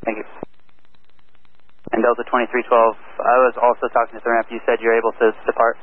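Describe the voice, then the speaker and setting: A man's voice: medium pitch, completely flat delivery, brisk. A man working as a ground controller, giving taxi instructions over an aircraft radio with static. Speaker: ground air traffic controller. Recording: narrow radio band with faint static.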